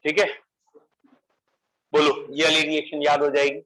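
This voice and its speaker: Bright-voiced male chemistry teacher. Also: on the high side, monotone, moderate pace, poor audio. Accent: Indian English. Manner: addresses students as beta, coaxing answers; mixes English phrases into the lecture. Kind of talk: classroom lecture.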